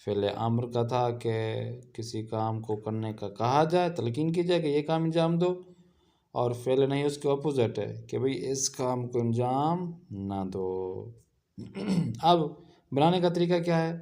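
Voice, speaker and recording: A man gives a grammar lesson in an unhurried, measured way. His voice is mellow and dark, and he says each example phrase slowly and deliberately, like a patient classroom teacher. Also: medium pitch. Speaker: Persian language teacher.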